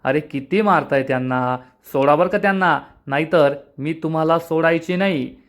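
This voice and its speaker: A man voicing an angry, quarrelsome aunt who scolds and threatens in quick retorts. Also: fairly high pitch, close to an everyday voice. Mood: angry, scolding. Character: quarrelsome aunt, woman, angry and sharp-tongued.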